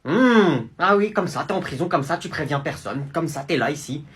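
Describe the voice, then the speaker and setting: A furious mother hisses quiet threats at her son, dripping with sarcasm. A man plays her, keeping the voice low and menacing. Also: expressive, moderate pace, breathy edge, heavily acted.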